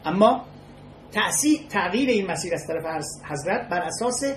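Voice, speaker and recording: A measured lecturer talks in short, halting phrases and often repeats a key word before moving on. The voice sits at an ordinary middle pitch. It echoes around the room, with a faint hiss of noise underneath. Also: animated. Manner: measured and halting, restating key words and pausing between phrases. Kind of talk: spoken lecture on ethics with storytelling.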